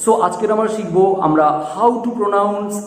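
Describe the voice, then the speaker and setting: A man giving a pronunciation lesson as an English teacher, drilling words slowly and asking students to repeat after him. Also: high-pitched, reverberant, long reverb tail.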